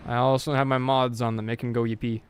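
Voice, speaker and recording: Man, tired, game streamer, rambling casual talk, mid pitch, noisy background. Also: little pitch movement, fast talker. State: tired, sleep deprived. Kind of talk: casual gameplay commentary.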